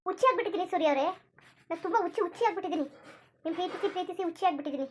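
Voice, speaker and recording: A woman's voice: very high voice, racing, slight background noise. A woman voicing a lovesick, clingy young woman in a cartoon, pleading and repeating herself insistently. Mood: desperate. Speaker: cartoon character. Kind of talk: Kannada cartoon voice acting.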